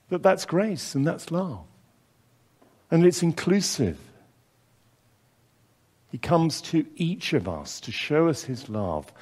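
Earnest male preacher, lively intonation. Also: on the high side. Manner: earnest, expressive delivery with pauses and emphatic repetitions. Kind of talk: sermon.

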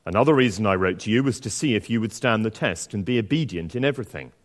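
A man with a low-ish, slightly croaky voice preaches a sermon and reads scripture quickly and with lively intonation. His style is conversational and self-deprecating, heavy on fillers and restarts, and the church adds long reverb.

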